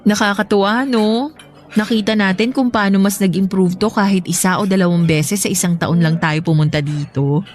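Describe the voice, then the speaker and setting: In an audio love drama, a woman plays a practical, contented adult girlfriend who is unconvinced about marriage, reasoning things through in a fond, chatty way. Her voice is natural and slightly dark, with medium pitch and moderate pace, over a music bed.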